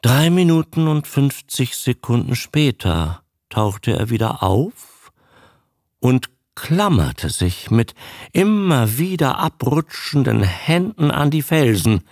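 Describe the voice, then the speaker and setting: Slow, gravelly male radio storyteller. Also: mid-range voice, no room sound, clean studio sound. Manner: measured, expressive storytelling. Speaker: narrator. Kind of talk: radio audiobook reading.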